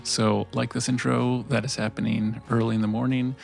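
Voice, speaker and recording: A male podcast host speaking softly in his quiet early-morning voice, telling stories in a relaxed way with many fillers. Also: mid-range voice, moderate pace, gravelly, soft background music. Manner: relaxed, filler-heavy storytelling. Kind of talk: podcast intro and interview.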